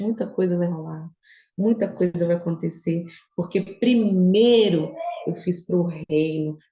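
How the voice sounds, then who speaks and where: Echoey low-voiced woman giving testimony. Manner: emotional, shifts from quiet and low to high and animated. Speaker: children's book author.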